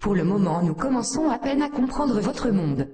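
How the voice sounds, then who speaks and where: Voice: mid-range voice, very animated, moderate pace, mellow, roomy sound, close to an everyday voice. [name], someone voicing a scornful AI. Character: sardonic female AI, blunt and scornful of humans.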